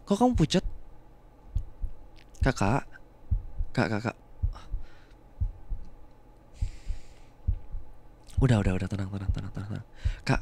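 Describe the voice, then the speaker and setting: A man playing a soothing young boyfriend, slightly high voice. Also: darkish tone. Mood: worried. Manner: repeats words to soothe, coaxing and reassuring. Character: younger male student, rough gang bully turned protective boyfriend. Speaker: voice actor. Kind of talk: ASMR role-play.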